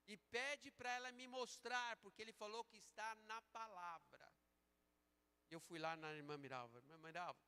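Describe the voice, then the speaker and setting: A man preaching a sermon as a pastor, moving between slow emphatic calls and quieter storytelling. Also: on the high side, clear, resonant tone. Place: church sanctuary. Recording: church sanctuary with long reverb.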